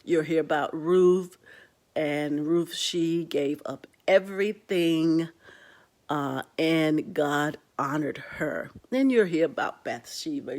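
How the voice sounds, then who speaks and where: A book club host giving a casual, rambling talk straight to the viewers and retelling stories along the way. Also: mid-range voice. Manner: chatty, talks straight to viewers as "guys".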